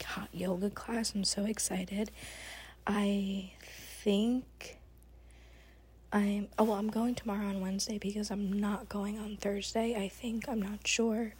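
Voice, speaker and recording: A young woman with a husky, breathy voice casually rambling through a personal audio diary, correcting herself as she goes. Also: mid-range voice, a little mellow. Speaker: teacher recording an audio diary.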